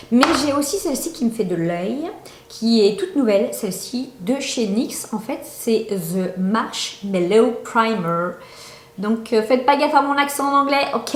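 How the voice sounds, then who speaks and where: A woman's voice: a little high, reverberant. A woman reviewing makeup in a casual vlog, chatty and enthusiastic, talking straight to her viewers. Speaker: beauty vlogger.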